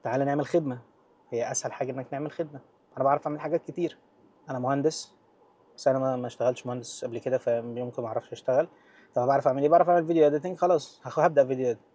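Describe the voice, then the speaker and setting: An Egyptian vlogger in his 20s gives business advice in very rapid, natural, unscripted speech, talking to the listener informally and directly like a friend and mixing English terms into his Egyptian. His medium-pitched voice is mellow with fairly even intonation.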